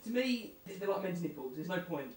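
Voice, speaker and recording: A man's voice: high voice, very animated, a little fast. A man co-hosting a casual chat, cracking dry, offhand jokes. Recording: roomy, distant mic, faint hiss.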